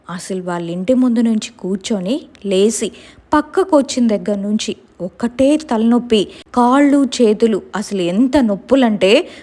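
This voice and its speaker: A woman's voice: fairly high pitch, darkish tone. A woman casually telling a real-life horror story in a colloquial, conversational way.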